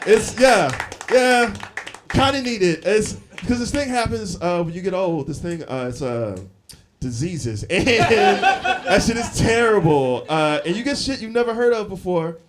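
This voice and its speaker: A man in his forties telling stories in a live stand-up set, animated and laughing often between lines. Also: sits high, unhurried, background noise. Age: 40s. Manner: animated storytelling, frequent laughs and fillers. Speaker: stand-up comedian. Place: comedy club stage with audience. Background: audience laughter.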